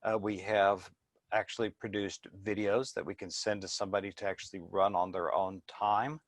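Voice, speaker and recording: Male business presenter, slightly low voice, dry close sound, informal and explanatory. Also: flat delivery, moderate pace, dry recording.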